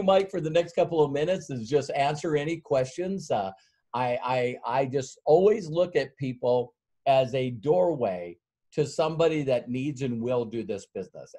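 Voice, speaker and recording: A man's voice: on the high side, a little mellow. A middle-aged man giving a motivational sales workshop as a guest speaker, telling a rambling story with many fillers and frequent chuckles.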